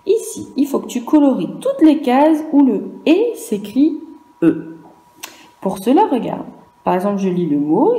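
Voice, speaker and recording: A patient schoolteacher with a French accent, her mellow voice slow and careful as she explains sounds to young children. She draws out each sound and asks questions aloud, recorded in an echoey room. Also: mid-range voice. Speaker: primary school teacher. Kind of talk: recorded virtual class lesson for young children.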